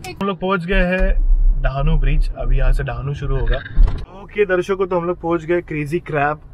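A man's voice: a little high, normal speed. A young man, chatting casually to viewers in a travel vlog, filmed on an action camera held at arm's length. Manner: chatty, mixing Hindi and English, talking to viewers. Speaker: travel vlogger. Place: car, roadside eateries and beaches, indoors and outdoors. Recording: noisy action-cam sound with traffic and wind.

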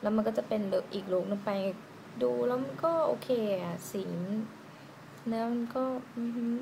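A woman doing a casual lipstick swatch review, chatty and giggly, musing aloud with drawn-out fillers. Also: a little high. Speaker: beauty vlogger. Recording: noisy room ambience.

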